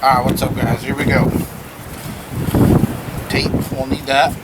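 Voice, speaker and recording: Loud wind batters the microphone as a man talks outdoors in an average-pitched voice. He takes his time, chatting casually like a car vlogger showing off parts, with playful, showy little asides. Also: little pitch movement, a little slow. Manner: informal, playful, showman-like asides. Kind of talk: casual unboxing and car modification chat.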